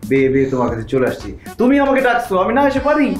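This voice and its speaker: A man's voice: sits high, wildly swooping pitch, rapid-fire, soft background music. An actor playing a cheeky young man who sneaks in to see his girlfriend, talking playfully and boastfully. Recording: roomy echo.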